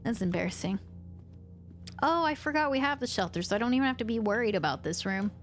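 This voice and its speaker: A woman streamer giving casual commentary as she plays a game, talking to her chat with quick jumps in pitch. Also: faint music behind. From rural United States. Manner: animated, talks to chat, quick swings up in pitch.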